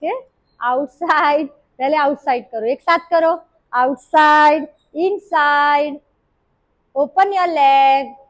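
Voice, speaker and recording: Brisk high-voiced woman yoga teacher. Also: poor audio. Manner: brisk, commanding cues mixing Hindi and English. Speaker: yoga instructor. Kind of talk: live class instruction, calling poses.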